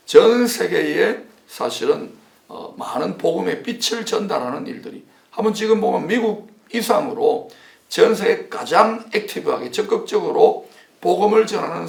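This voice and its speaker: A man's voice: high voice, gravelly. A man from South Korea preaching and hosting as a pastor, explaining emphatically with repeated phrases. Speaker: pastor and host. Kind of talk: sermon turning into interview. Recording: roomy echo.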